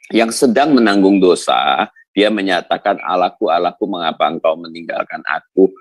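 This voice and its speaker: Low-voiced insistent debater. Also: male voice, no room sound. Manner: insistent, interrupting, repeats points. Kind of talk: heated debate.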